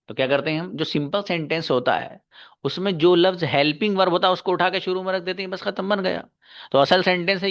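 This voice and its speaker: A male teacher giving an online English grammar class, patiently repeating key slowly and calling on pupils one by one. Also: on the high side, a bit bright.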